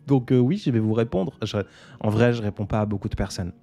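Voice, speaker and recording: A young man talks casually to his viewers during a late-night livestream, reading their comments aloud and answering them. His voice is mellow and soft-spoken, and he laughs easily. Faint music plays quietly behind him. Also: lowish voice, expressive, fairly quick, creaky, lo-fi sound. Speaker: livestream host.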